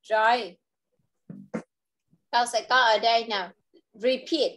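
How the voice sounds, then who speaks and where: A woman teacher speaks slowly and patiently, her voice a little high, coaxing a child to repeat short English phrases one at a time. She gently models each word and waits for him in a one-on-one lesson. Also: steady tone, soft background music.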